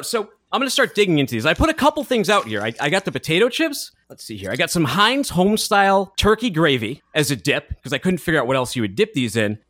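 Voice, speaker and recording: A man with a cold, co-hosting a casual snack review podcast in an animated, joking way. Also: a little high, no room sound, studio quality. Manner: animated, jokey, descriptive. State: has a cold. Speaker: podcast co-host.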